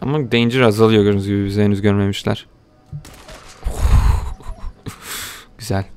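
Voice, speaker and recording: A young man giving casual, joking gameplay commentary, talking to viewers and getting excited during the action. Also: lowish voice, moderate pace, soft background music. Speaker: gaming video host.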